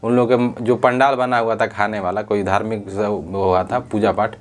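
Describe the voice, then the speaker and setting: A man's voice: lowish voice, level tone, normal speed. A man giving earnest spoken commentary on a social issue, often restarting and correcting himself as he talks. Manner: earnest, repetitive, with frequent self-corrections.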